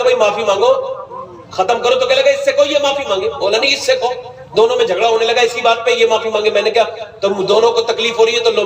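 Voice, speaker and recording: An impassioned male preacher with a very high voice who often breaks into shouts and stretches his words. He is heard from some way off the mic, and the sound rings out through a large hall with a long echo. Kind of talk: Urdu sermon with told stories. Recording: echoey hall, mic at a distance.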